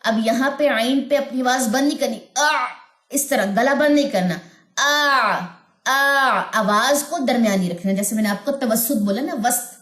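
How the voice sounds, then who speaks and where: A woman teaching Quran recitation rules, explaining patiently and chanting verses slowly and melodically. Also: fairly high pitch, reverberant. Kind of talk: tajweed lesson with chanted recitation.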